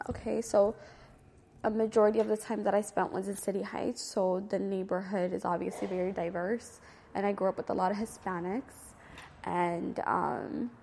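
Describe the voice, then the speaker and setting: Recorded in a community center room with a long echo like a hall, this oral history interview features a thirty-something woman who came from Ethiopia and grew up in San Diego from the age of nine. She speaks at a medium pitch with a gravelly, somewhat dark tone, recollecting casually and answering questions informally, thoughtfully, and with hesitation. Slight background noise is present.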